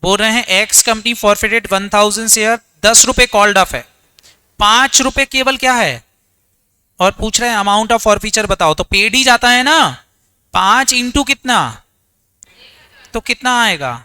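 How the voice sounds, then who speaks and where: A man's voice: unhurried, bright, forceful tone, smooth. A man teaching an accounts revision class, firing questions at students and answering them himself. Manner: quizzes students, answers his own questions in a low voice; mixes English terms into Hindi. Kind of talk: exam revision lecture.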